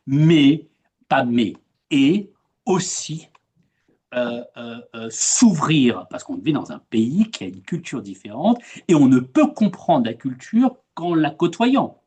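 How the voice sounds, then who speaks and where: A man's voice: mid-range voice, unhurried, husky. A man with a French accent moderating a webinar over a video call, talking in a conversational way, often repeating words as he goes. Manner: hesitant, repeats words, animated emphasis. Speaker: webinar moderator and expat coach.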